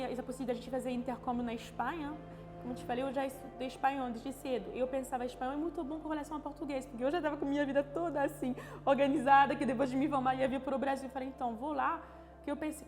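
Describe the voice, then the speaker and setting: A woman with a high voice, a French native speaker from France, is being interviewed for a personal testimony piece. She halts and searches for words, often restarting and adding tag questions. The recording has long reverb with music underneath.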